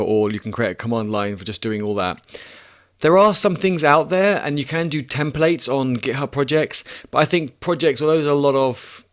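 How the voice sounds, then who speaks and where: A man in his thirties hosting a casual live stream, answering chat questions and thinking aloud with many restarts and self-mocking laughs. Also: medium pitch.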